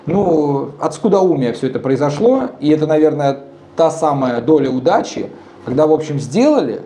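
A thirties-aged man who helped found a bar is the guest in a casual interview set in a dim bar. His voice is on the high side and his speed normal, and his delivery is animated, gesturing, frank, and blunt.

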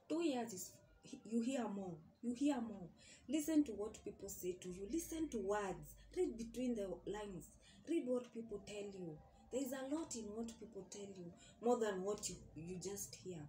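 A young woman vlogging about friendship, her voice mellow and warm at a middle pitch. She speaks earnestly, firing off questions and circling back to repeat her points, over a faint hiss of background noise. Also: echoey room. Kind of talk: casual advice monologue.

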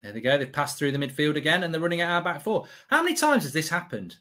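Blunt man with a sharp, forceful voice. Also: fairly high pitch, very animated, quick pace. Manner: exasperated, blunt, sweary. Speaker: football watchalong host. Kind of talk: live fan reaction commentary. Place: indoor streaming studio.

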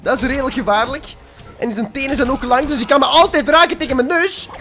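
Excitable Flemish gamer, high voice. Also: male voice, fast talker, soft background music. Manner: joking, excitable, shouts during fights. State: a bit sick. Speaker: gaming YouTuber. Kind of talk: gaming commentary.

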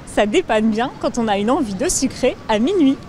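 A young woman presenting with a clear, lively teaching delivery, recorded outdoors on a handheld mic. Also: fairly high pitch, normal speed, crowd noise. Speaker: host. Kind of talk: scripted presenting and role-play.

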